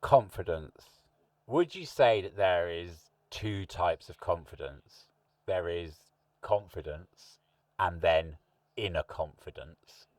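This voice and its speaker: This reflective interview chat features a middle-aged podcast host who speaks slowly in a low, darkish voice, musing thoughtfully through long rambling sentences. The mic sits at a distance. The sound is dry, with no room sound.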